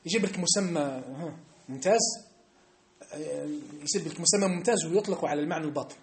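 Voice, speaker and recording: A man with a North African Arabic accent teaching a religious class. He is emphatic and keeps asking his listeners whether they have understood. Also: high voice. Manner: emphatic, keeps checking understanding with rhetorical questions. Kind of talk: classroom lesson. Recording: echoey room.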